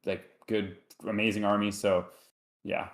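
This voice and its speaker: A man with a somewhat low voice chats through a tabletop wargame match beside another commentator. He talks loosely and jokily, leaning on "like" and "you know" as he goes. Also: level tone, unhurried. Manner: chatty, loose, filler-heavy, jokey. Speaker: tournament co-commentator. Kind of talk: casual live game commentary.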